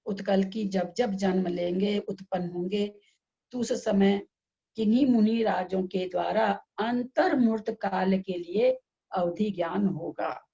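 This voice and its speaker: A woman teaching a scripture class, speaking slowly and repeating sentences so listeners can take notes. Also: medium pitch, gravelly, mellow, slightly rough, highs cut off. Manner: slow, repeating sentences for note-taking.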